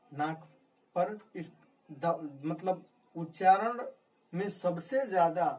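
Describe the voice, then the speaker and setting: A man's voice: on the high side, a little mellow. A man teaching a grammar lesson, repeating key words and asking questions that he answers himself. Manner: repetitive, asks questions and answers them himself. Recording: distant mic with faint background noise.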